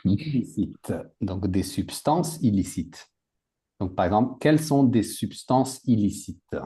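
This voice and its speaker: A man's voice: on the low side, animated, a little slow, dark tone. A man teaching a language class, patiently repeating words and adding English glosses for his students. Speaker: French teacher.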